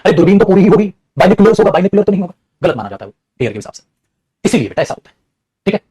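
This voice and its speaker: A man teaching English grammar in an animated, teasing classroom style, often calling his students "beta". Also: sits high, rapid-fire. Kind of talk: lively classroom lecture. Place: studio.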